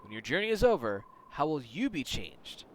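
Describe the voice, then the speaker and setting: Fields: Figure: a man voicing a wise, cryptic older sea captain. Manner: measured, formal. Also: on the high side, sing-song, a little hiss or hum, pitched below the performer's own voice. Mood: solemn. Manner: measured, formal, with a loosely improvised accent. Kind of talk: reading game dialogue aloud.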